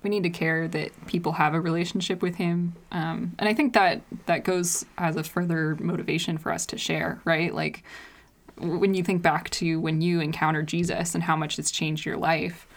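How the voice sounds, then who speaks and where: A woman's voice: lowish voice, level tone, normal speed. A woman in a casual faith discussion, speaking thoughtfully and reflectively with filler words.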